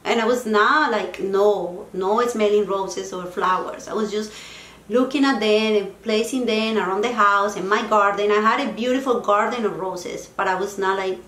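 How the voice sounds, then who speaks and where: In this casual self-help piece to camera, a young Latin American woman whose first language is Spanish chats playfully with viewers about self-care and slips Spanish words into her English. She speaks at a normal speed in a mid-range, fairly bright voice, captured in a reverberant, low-quality recording.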